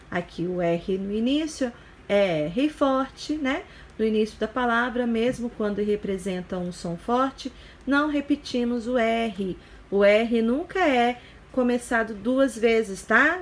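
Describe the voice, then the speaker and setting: A woman teaching young children in a recorded review lesson, explaining patiently step by step and checking in often with short questions. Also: fairly high pitch. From Brazil. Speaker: primary school teacher.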